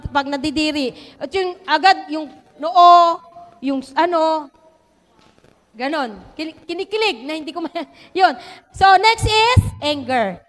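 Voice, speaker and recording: A woman giving a lively church teaching talk, mixing in English and acting out quotes. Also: sits high. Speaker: church speaker. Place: church hall. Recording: long hall reverb.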